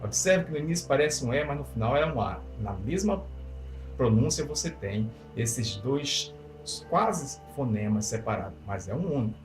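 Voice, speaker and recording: A man's voice: medium pitch, expressive, normal speed. A Brazilian man teaching English vowel sounds, explaining patiently and repeating each example word several times. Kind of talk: pronunciation lesson. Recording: echoey room with faint music.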